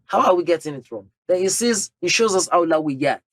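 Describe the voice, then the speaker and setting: A man's voice: sits high, animated, fairly quick, a bit bright, no echo. A man giving a religious lecture, speaking emphatically, laying out numbered points and sprinkling in Arabic terms. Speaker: Islamic teacher.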